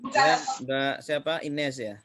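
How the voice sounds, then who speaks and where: Slow, patient male teacher. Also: mid-range voice, noisy background. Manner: slow, patient, repeats answers back. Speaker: Arabic reading teacher. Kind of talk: online class drilling students.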